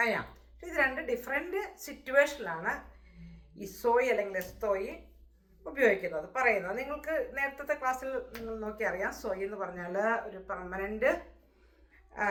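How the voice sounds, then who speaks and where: A woman teaching a Spanish lesson, explaining patiently and slowly repeating example phrases. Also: mid-range voice, a bit bright. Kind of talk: casual spoken language lesson. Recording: echoey room.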